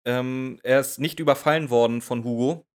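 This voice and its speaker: A man's voice: mid-range voice, fairly even intonation, normal speed. A man co-hosting a casual podcast, joking, interrupting and using hesitant fillers as he recaps a story. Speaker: podcast co-host. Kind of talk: casual chat recapping a radio play episode.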